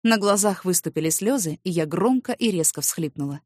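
A woman reading a first-person romance novel aloud with an expressive, animated delivery. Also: on the low side, fairly quick, no echo, studio quality. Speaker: audiobook narrator.

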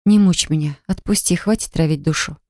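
A woman narrator voicing a hurt young wife who quietly refuses to forgive her husband in an audiobook. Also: deep voice, a little fast, no room sound, clean studio sound. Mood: sad firm. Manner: quiet, sad and steady.

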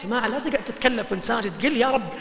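A man preaching an emotional sermon, dropping to hushed lows and rising to loud, fervent highs. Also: racing, gravelly. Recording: echoey hall.

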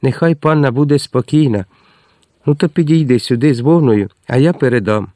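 A man's voice: mid-range voice, a little fast, mellow, no room sound, natural voice. A man voicing a poor, timid young servant girl in a storybook reading, eager and pleading.

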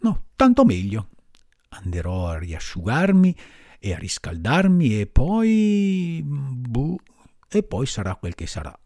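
A man's voice: mid-range voice, huge pitch swings, takes it slowly, darkish tone, no room sound, clean studio sound, full character voice. A man voicing a cheeky wooden boy puppet in a childlike tone. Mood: musing.

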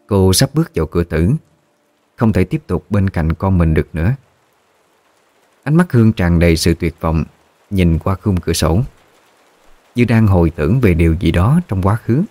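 A man narrating a scripted ghost story in a slow, measured way. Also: sits low, expressive, warm tone, dry recording.

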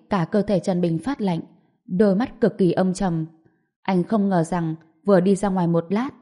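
A woman narrating a martial-arts story in a steady, measured way. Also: lowish voice. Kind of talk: scripted narration.

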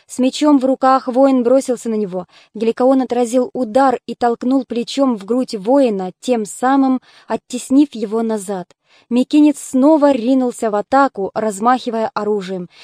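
A woman's voice: a little high, dark tone, no echo, clean studio sound. Woman reading an audiobook. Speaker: audiobook narrator. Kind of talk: scripted narration.

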